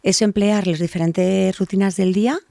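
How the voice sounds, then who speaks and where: A woman, a guest specialist explaining child language development to parents in a podcast interview, with lively acted examples. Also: medium pitch, moderate pace, vocal fry, dry recording, studio quality.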